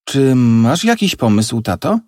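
A man's voice: medium pitch, big pitch swings, measured pace, darkish tone, dry recording, studio quality, voice pushed up. A man voicing a worried young woman, a daughter pleading and asking questions, in an audiobook reading. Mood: anxious.

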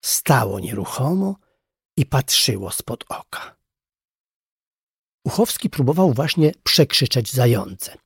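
A man reading a children's animal story aloud in a slow, gently expressive way. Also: mid-range voice, breathy edge, no echo, clean studio sound.

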